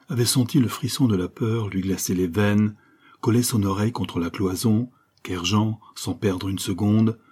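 A man narrating a classic serial novel in a measured, dramatic way. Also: deep voice, darkish tone, husky. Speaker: audiobook narrator.

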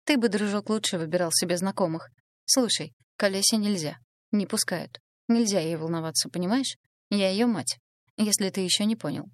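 A woman voicing a brash, sharp-tongued middle-aged mother with a croaky, grumbling voice, for an audiobook. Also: mid-range voice, fairly quick, dry recording, natural voice. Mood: gruff scolding.

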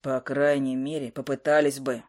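A woman's voice: extremely low pitch, level tone, normal speed, a little mellow, dry recording, clean studio sound, pitched below the performer's own voice. A woman doing a grumbling owl familiar. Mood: sulky. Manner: grumbling, sullen. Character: grumpy sulky male owl familiar.

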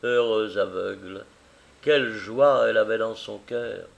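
A man narrating a classic novel as an audiobook, in a measured, expressive reading. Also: on the low side, creaky. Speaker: audiobook reader.

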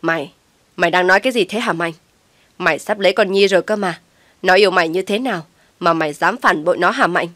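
A woman's voice: medium pitch, fairly even intonation, quick pace, no room sound, lightly acted. A woman voicing an angry middle-aged father who bellows and mocks in a storybook reading. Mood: raging. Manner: shouting, sarcastic.

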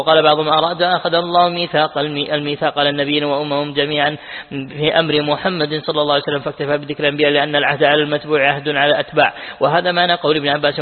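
A man, a sheikh, reads aloud from a classical Quran commentary and explains it, restarting words as he goes. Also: a little high. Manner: rapid, flat recitation with self-corrections. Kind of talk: fast classical Arabic text reading. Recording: tinny lo-fi audio in a reverberant hall.

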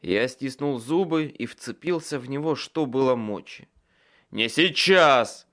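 A man's voice: mid-range voice, moderate pace, a little mellow. A man reading a first-person audiobook with tense, dramatic storytelling. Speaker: audiobook narrator.

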